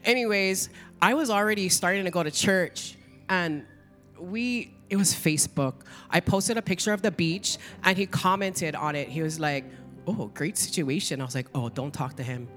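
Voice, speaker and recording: A woman's voice: lowish voice, moderate pace, fairly bright tone, in a large hall, faint music behind. A middle-aged woman giving an emotional, chatty Easter testimony at church, saying "like" often.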